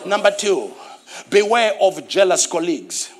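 Preaching on a church stage, a middle-aged pastor with a Zimbabwean accent speaks in a high voice at a slightly slow pace. His sermon is lively, with key phrases repeated and calls for the congregation to respond.

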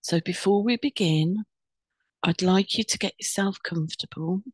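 With a lowish voice and no audible room sound, a woman leads a guided meditation. She instructs calmly and without hurry, pausing between each phrase.

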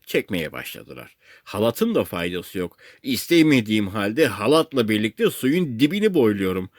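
Male audiobook narrator, expressive comic reading, very animated intonation, dry booth sound. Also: fairly low pitch, normal speed, no room sound. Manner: expressive, playful storytelling. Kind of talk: first-person comic story reading.

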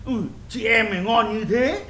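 An actor playing a crude, mocking middle-aged neighbor. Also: male voice, extremely high pitch, normal speed, a bit bright, slight background noise. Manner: teasing, drawling. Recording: echoey room, music behind.

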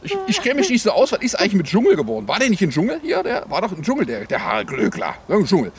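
Out in the cold with crowd noise around him, the host of a satirical news show riffs on headlines as a parody anchor, sarcastic, mock-naive and rambling. He talks rapid-fire in a high-pitched voice with huge pitch swings.

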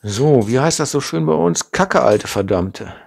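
A gravelly-voiced model kit maker from the Ruhr area of Germany, with a Ruhr German accent, thinks aloud and chats as he works, with frequent "ne?" tags. His mid-range voice has a darkish tone and lively intonation, and he talks a little slowly. It's an unscripted hands-on build demonstration at an indoor workbench, recorded on a camera mic over the tabletop showing his hands.

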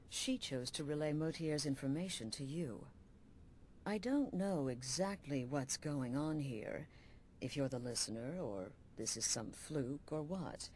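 A woman's voice: low voice, a little mellow, slight background noise. An actress voicing a hard-edged female assassin guild leader in a video game, blunt and commanding with a wry edge. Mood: stern. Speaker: game character.

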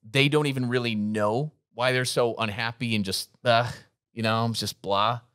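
This podcast co-host, a man in his forties, talks at a moderate pace in a steady, slightly bright mid-range voice with no echo. Recording in a gym on a boom-arm studio mic with headphones, he repeats his points in an earnest, motivational way.

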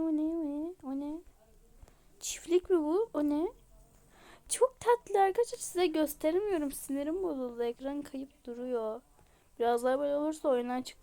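A woman giving casual, excitable commentary as she plays a game, gushing over cute things. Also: sits high. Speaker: game vlogger.

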